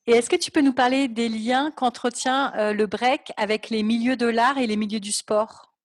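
A woman's voice: fairly high pitch, steady tone, normal speed, no echo, clean studio sound. A woman interviewing a guest, asking brief and polite questions.

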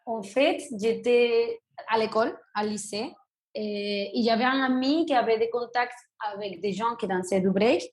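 A hesitant young Venezuelan woman with a slightly high voice answers casual interview questions as a guest, a breakdancer. Her speech is halting, full of restarts and fillers, and the recording has a roomy echo.

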